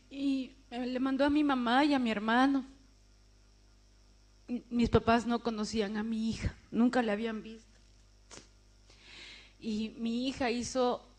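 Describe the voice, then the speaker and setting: Woman telling a personal story, higher voice. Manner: emotional storytelling, acts out quoted voices. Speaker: testimony speaker. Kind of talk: personal testimony.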